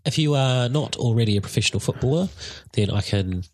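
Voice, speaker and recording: A man's voice: medium pitch, expressive, fairly quick, no room sound. A man co-hosting a casual sports podcast, opinionated and matter-of-fact. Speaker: podcast co-host.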